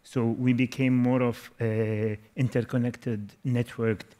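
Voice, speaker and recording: A man's voice: medium pitch, level tone, takes it slowly, dark tone. A man from Syria, an activist speaking on a panel, hesitant with fillers and self-corrections. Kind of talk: panel discussion remarks.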